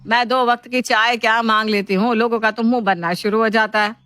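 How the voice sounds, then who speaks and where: A woman voicing an older mother-in-law in an animated family story, slow and grumbling. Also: a little high, no echo, close to an everyday voice.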